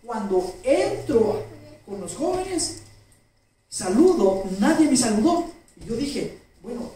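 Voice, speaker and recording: A man's voice: extremely high pitch, very animated, slow, warm tone. Pastor guy preaching, tells his own story, emotional, heavy echo, mic far off. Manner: personal storytelling, questions to the congregation; emotional, self-described crier. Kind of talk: sermon. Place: church. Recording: very echoey hall, mic far off, faint noise.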